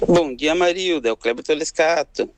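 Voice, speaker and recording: A man's voice: on the high side, moderate pace, dry recording. A man with a Brazilian Portuguese accent calling a radio show, talking in an easygoing way. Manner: easygoing, relaxed. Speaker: radio caller. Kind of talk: casual phone call.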